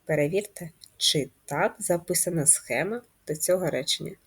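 A woman teaching a first-grade reading lesson, speaking patiently and clearly and stretching words into syllables. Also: fairly low pitch, normal speed. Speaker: primary school teacher.

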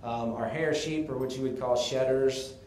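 A man from Texas gives a casual conference presentation, explaining things in a relaxed way with the odd chuckle. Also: medium pitch, normal speed, a little hiss or hum. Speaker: conference speaker on sheep breeding. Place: conference room. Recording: echoey conference room, faint ambience.

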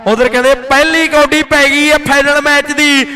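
A man with a Punjabi accent giving frantic, excited rural live sports commentary, repeating phrases over and over as a kabaddi announcer. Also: very high voice, moderate pace.

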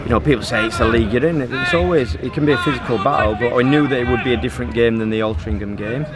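Recorded on the interviewer's handheld phone, this is a middle-aged football manager giving a post-match interview outdoors on the pitch. He stays measured and level, his answers peppered with fillers, while a crowd can be heard behind him.

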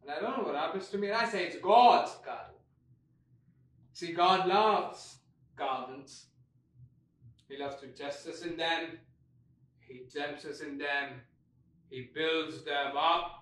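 Brief: sardonic tiger spirit, played by a male actor, bright, forceful voice, echoey room, mic at a distance. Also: on the high side, measured pace, pauses often. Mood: fervent. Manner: wry, rambling storyteller, swings loud and soft. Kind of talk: solo stage monologue.

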